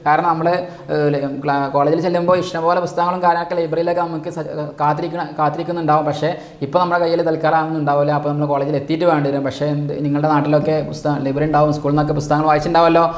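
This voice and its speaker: A man gives an online class lecture, asking his own questions and answering them. He talks quickly in a slightly high voice. The sound is echoey, as if in a bare room. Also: flat delivery. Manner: quizzing rhetorical questions and answering them himself. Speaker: teacher.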